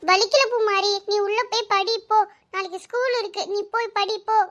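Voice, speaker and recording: A woman's voice: very high-pitched, fairly even intonation, normal speed, a bit bright. A woman voicing a fiery, fed-up village wife and mother in a cartoon. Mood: gentle. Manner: scolding, quarrelsome.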